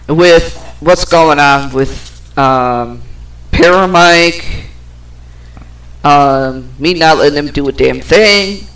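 A woman's voice: sits low, a bit bright, low-quality recording. A woman hosting her own podcast, ranting in a rambling way, swearing now and then and trailing off with fillers. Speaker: podcast host. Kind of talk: personal podcast rant.

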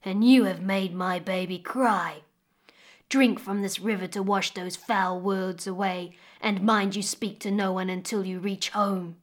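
A woman voicing a low rumbling mother crocodile. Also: fairly even intonation, measured pace, close to an everyday voice. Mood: stern. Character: low-voiced magical mother crocodile, stern but kind.

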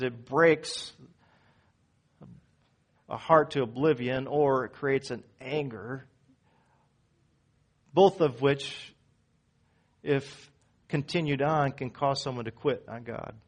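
A man preaching a sermon as pastor in a church, swinging from loud emphatic peaks down to low quiet phrases. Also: takes it slowly, long pauses. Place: church sanctuary.

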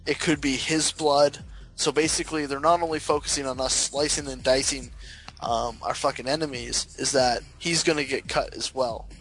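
A man's voice: medium pitch, steady tone, normal speed, fairly bright tone, low-quality recording. Man co-hosting casual gaming banter, music behind. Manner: heavy casual swearing. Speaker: gaming show co-host. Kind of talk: casual video game banter.

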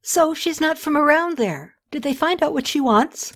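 A woman voicing an imperious, hot-tempered ancient queen who fires off sharp demands. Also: high voice, lively intonation, moderate pace, voice pushed up. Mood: probing.

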